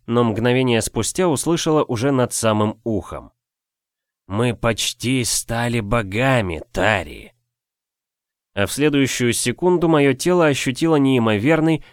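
A man narrating a first-person fantasy audiobook in a steady, measured reading. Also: medium pitch, dry recording, clean studio sound.

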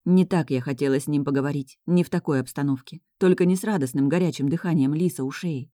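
A woman reads a first-person novel aloud, voicing the story expressively. Her tone is dark and mellow, and the recording is close and dry with no room sound. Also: deep voice, fast talker, no echo. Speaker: audiobook narrator. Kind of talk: first-person audiobook narration.

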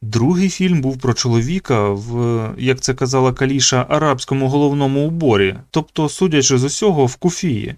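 Male audiobook narrator with a mid-pitched voice and a measured, even read, recorded close and dry. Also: no echo. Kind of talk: scripted narration.

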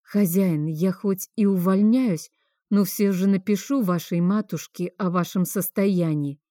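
A woman's voice: fairly low pitch, measured pace, mellow, no echo, studio quality, natural voice. A woman voicing a frightened, devout female cook, in an audiobook reading. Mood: firm. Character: frightened middle-aged female cook, loyal servant.

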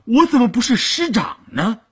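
A man's voice: on the high side, fairly quick, sharp tone, slightly rough, voice pushed up. A man voicing a stubborn middle-aged army commander who blusters and then coaxes. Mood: coaxing. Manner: blustering, wheedling by turns.

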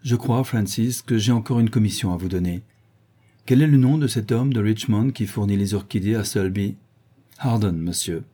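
A man voicing a cool, commanding young male dandy who gives orders briskly. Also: on the low side, mellow, breathy edge. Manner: commanding, urgent.

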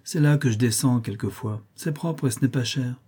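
A man's voice: medium pitch, moderate pace, warm tone, husky, natural voice. A man reading an audiobook, voicing a blunt, grumbling older uncle.

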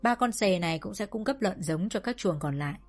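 A woman reading a first-person story in an even storytelling manner. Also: mid-range voice, a little fast, soft background music.

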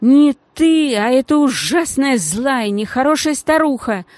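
Женщина озвучивает в аудиокниге вспыльчивую девочку лет двенадцати с писклявым голосом. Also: female voice, dry recording, lightly acted. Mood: indignant. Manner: squeaky, quick to flare up. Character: excitable schoolgirl of about twelve.

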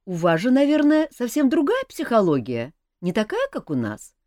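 A woman reading an audiobook, voicing a blunt, lively young woman with an outspoken, eager way of talking. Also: a little high, moderate pace, no echo, clean studio sound, pitched above the performer's own voice. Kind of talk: audiobook character voice.

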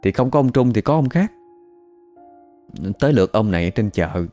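A man's voice: mid-range voice, animated, moderate pace, warm tone, faint music behind. A man with a Southern Vietnamese accent narrating a village story in a chatty, gossipy way.

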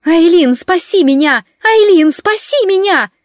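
A woman voicing a terrified, scheming woman who begs for rescue in a shrill, panicked plea, in a storybook reading. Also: expressive, measured pace, no room sound, studio quality.

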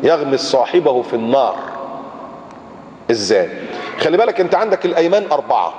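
A man with an Egyptian Arabic accent preaching a colloquial sermon, animated and acting out everyday speech. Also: medium pitch, brisk, a little hiss or hum. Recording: muffled lecture-hall recording with long reverb.

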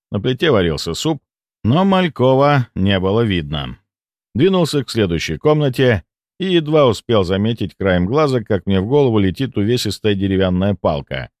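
A man narrating a first-person audiobook in a lively, expressive reading. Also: on the low side, normal speed, no echo.

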